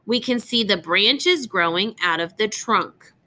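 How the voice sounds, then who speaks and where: Reading a picture book like a teacher, this woman addresses young children directly and shapes her phrasing carefully for them. She has a mid-range voice with lively intonation, pushed and bright.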